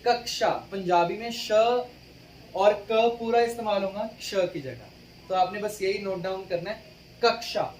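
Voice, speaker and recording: A man's voice: high-pitched, measured pace, echoey room, far from the mic, a little hiss or hum, rough recording. A man teaching a writing lesson, patiently spelling out letters one at a time. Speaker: language teacher.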